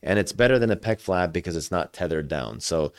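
Very deep-voiced man explaining, dry recording. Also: expressive, no room sound. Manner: hesitant, halting explanations with repeated words. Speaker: doctor being interviewed. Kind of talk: conversational explanation of medical procedures.

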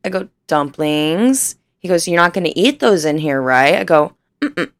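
A woman's voice: fairly low pitch, animated, moderate pace, dry recording. A young woman in her twenties telling a rambling, self-deprecating story in casual chat, laughing often and swearing freely.

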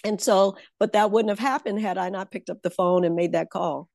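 A political consultant tells stories during an interview, confident and emphatic, laughing easily. Her medium-pitched voice is fairly quick and fairly even in intonation, creaky and a little mellow. The recording is studio quality with no echo.

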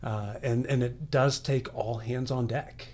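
A man's voice: mid-range voice, fairly even intonation, measured pace, darkish tone, a little hiss or hum. A man hosting a podcast, asking questions and affirming his guests in an encouraging way. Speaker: podcast host. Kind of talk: interview.

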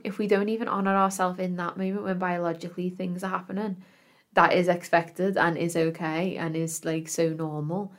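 Female podcast host, lower voice with some vocal fry. Earnest self-help influencer delivery, reflective and affirming, speaking straight to the listener.

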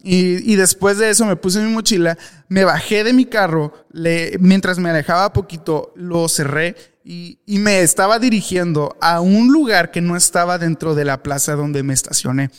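A man's voice: high-pitched, normal speed, smooth. A young adult man with a Mexican accent, hosting a podcast and telling a story candidly, with restarts and acted-out dialogue. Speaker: podcast host. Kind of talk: casual storytelling monologue.

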